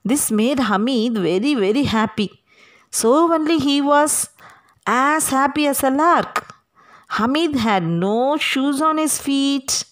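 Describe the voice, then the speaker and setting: A woman teacher reads a story aloud to her class. She goes at a slow, deliberate pace, stretching words for emphasis. Her voice sits a little high, and she breaks off to explain things and to put questions to the listeners.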